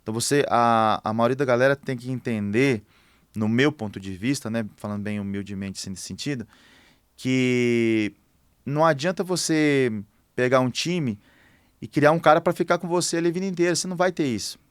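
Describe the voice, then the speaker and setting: A man's voice: mid-range voice, fairly quick, clean tone, dry recording, studio quality. A man, a construction manager talking casually in a podcast interview, thinking aloud with many fillers and restarts.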